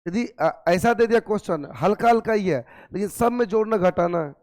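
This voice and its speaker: A man teaching a physics class, nursing a sore throat, coaxing and gently scolding his students with repeated questions. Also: sits high, expressive, brisk. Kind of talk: classroom lecture.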